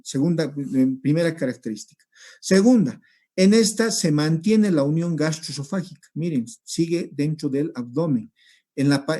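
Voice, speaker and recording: Man teaching over slides, mellow. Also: fairly high pitch. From Peru. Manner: explanatory, repeats points, checks with rhetorical "¿sí?". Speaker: medical lecturer. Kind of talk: recorded slide lecture.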